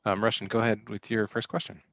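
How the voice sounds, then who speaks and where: A man hosts an online club meeting, thanking speakers and handing off questions with stammered starts. His voice is low and gravelly. The audio is dry and dull. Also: level tone, quick pace, fairly bright tone, no room sound. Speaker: meeting host.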